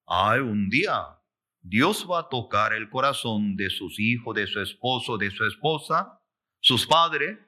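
A male pastor preaching a sermon slowly and emphatically, repeating phrases, calling for responses and acting out quoted voices. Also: expressive, sharp tone. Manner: slow, emphatic preaching with repetition and call-and-response; acts out quoted voices with big pitch jumps.

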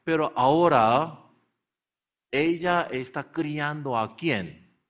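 A man preaching a storytelling sermon who keeps asking his listeners questions and then answering them himself. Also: medium pitch. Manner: animated retelling, slips into character voices.

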